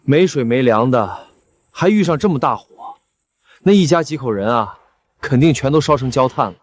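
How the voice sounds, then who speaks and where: A man's voice: mid-range voice, expressive, moderate pace, natural voice. An actor playing a timid, gossiping villager who frets as he speaks. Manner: fretful, gossipy.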